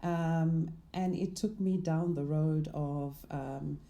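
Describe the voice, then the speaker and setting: A woman's voice: low-pitched, steady tone, slow, warm tone, dull audio. A middle-aged woman from Zimbabwe, a guest in a casual interview, talking thoughtfully with "um" and "you know". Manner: thoughtful, laughs lightly, many "um" and "you know". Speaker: guest, investment manager.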